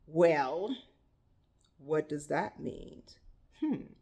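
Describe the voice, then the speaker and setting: A woman's voice: deep voice, expressive, drawn-out words, mellow, breathy edge. A woman teaching a Bible passage in a casual, preachy way, asking rhetorical questions. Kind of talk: casual Bible study talk.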